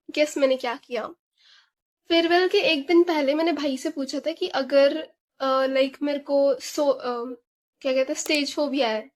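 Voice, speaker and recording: A young woman with a high voice tells a story from her own life in a casual vlog. She talks in an animated way, mixes in English words and fills pauses with small sounds. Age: young adult. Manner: animated, mixes Hindi and English, many fillers. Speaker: vlogger.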